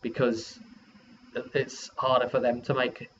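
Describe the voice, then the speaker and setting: A man who served as game master casually recounts a tabletop role-playing session, rambling and informally acting out quoted dialogue. His mid-range voice is level, fairly bright, and a little slow. The audio is dull and lo-fi with background noise.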